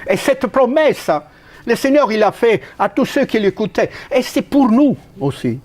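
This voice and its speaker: An Italian man preaches a sermon with an Italian accent, speaking emphatically in a sing-song way with a darkish tone. His pitch leaps and drops suddenly, and he halts and restarts.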